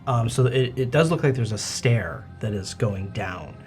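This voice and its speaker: A man runs a tabletop role-playing game as game master. He narrates in halting, improvised phrases at a slow pace and middling pitch, over soft music. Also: lively intonation.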